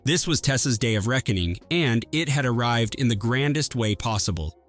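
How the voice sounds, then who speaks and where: A man reads a first-person story in a steady, measured manner. His delivery is even and composed throughout. Faint music plays softly behind his voice. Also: medium pitch. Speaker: story narrator.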